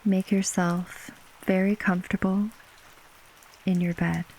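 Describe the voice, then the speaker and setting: Slow, soothing woman narrating a sleep story. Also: medium pitch, a little hiss or hum, poor audio. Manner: gentle, unhurried, with long pauses between short phrases. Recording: steady rain ambience behind voice. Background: rain falling.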